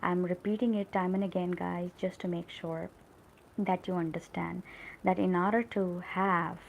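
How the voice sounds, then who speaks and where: A middle-aged woman with an American-tinged accent teaches English in an earnest, encouraging live-stream talk, often pausing on "uh" and "you know". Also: lowish voice, little pitch movement, creaky, slight background noise, poor audio. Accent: American-tinged English learned in call centers.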